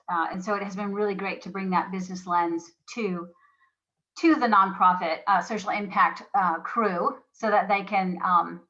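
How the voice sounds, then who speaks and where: A woman moderating an online alumni panel, talking in a measured way with many ums and uhs. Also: medium pitch, sharp tone. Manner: filler-heavy, measured. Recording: dull lo-fi video call audio.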